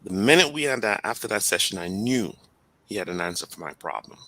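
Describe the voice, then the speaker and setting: A man from Jamaica reflecting slowly on his upbringing as an interview guest, with many fillers and restarts. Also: low-pitched, expressive, pushed and bright, a little hiss or hum, rough recording.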